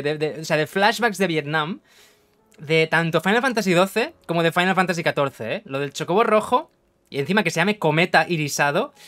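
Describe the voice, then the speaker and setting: A gaming streamer with a fairly high, slightly bright voice and an accent from Spain delivers casual, jokey let's-play commentary. He talks straight at the screen and swears freely.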